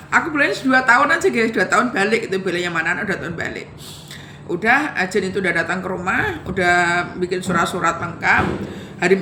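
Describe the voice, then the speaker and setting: A woman's voice: mid-range voice, bright, forceful tone, roomy sound, a little hiss or hum. A middle-aged Javanese woman casually telling her life story to viewers, emotional and chatty, often calling out to her audience. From Java, Indonesia. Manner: conversational, repeats "guys" often, emotional retelling.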